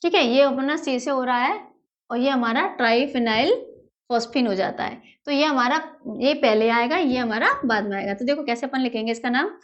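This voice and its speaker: A woman's voice: sits high, moderate pace, dull audio. A woman explains chemistry step by step at a whiteboard. She addresses her students fondly as "beta", repeats each key term several times, and poses a question before answering it herself. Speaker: chemistry teacher.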